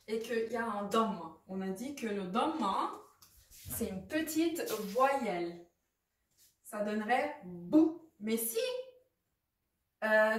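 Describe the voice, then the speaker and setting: A woman teaching how to read letters, patient and repeating sounds slowly with examples. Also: fairly high pitch, reverberant, recorded from a distance. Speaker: Arabic reading teacher. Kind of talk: explaining lesson.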